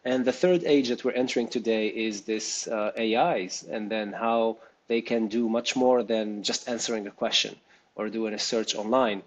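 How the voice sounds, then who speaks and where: A man from Tunisia, a startup co-founder, answering interview questions thoughtfully with frequent pauses and restarts. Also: fairly low pitch, fairly even intonation, rough recording. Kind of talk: interview conversation.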